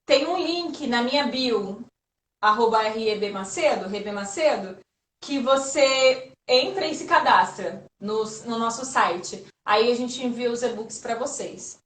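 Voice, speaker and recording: A woman's voice: a little high, measured pace, fairly bright tone. A woman speaking as a guest on a casual live chat, explaining points and often checking in with a tag question. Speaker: guest storyteller. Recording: roomy and distant from the mic.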